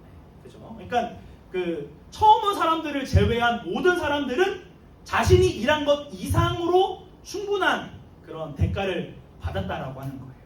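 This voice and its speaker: High-voiced animated youth pastor. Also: male voice, moderate pace, slight background noise. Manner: animated, storytelling with youth slang and chuckles. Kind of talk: youth sermon. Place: church sanctuary. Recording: echoey room, mic far off.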